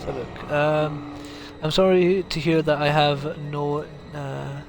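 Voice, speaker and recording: A man's voice: on the high side, little pitch movement, slow, gravelly. Chatty South Welsh man streaming games. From South Wales. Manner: chatty, answers viewer chat between game moments. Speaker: video game streamer. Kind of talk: casual live-stream gameplay commentary. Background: game music.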